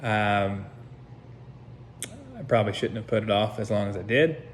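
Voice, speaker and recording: A low-pitched American man gives a casual personal update shortly after surgery. He sounds subdued and hesitant, feeling his way through each thought in short, halting phrases. There is noticeable noise behind his voice. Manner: hesitant, halting, recalling piece by piece. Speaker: patient recording a recovery update. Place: seated at home, talking to camera.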